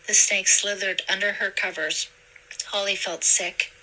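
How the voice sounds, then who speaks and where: A woman narrating a storybook aloud in a steady, measured way. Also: mid-range voice, poor audio. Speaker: storybook reader.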